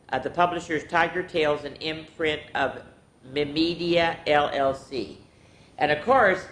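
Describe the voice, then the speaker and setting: A slightly bright-voiced woman reads aloud at a kids' story time, turning picture books into sing-song rhymes with stretched-out rhyming words and casual, exclamatory chatter. There's echo in the room and a rumbling background noise.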